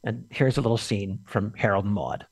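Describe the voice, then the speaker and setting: A man, a film critic, calmly describing a classic movie on the radio with frequent "uh"s. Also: lowish voice, fairly quick, very noisy.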